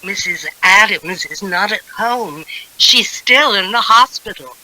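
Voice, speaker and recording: A woman's voice: mid-range voice, lively intonation, a little slow, bright, forceful tone, rough recording. A woman playing a formal, guarded, matter-of-fact figure answering a household telephone in an old-time radio drama. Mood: polite, guarded.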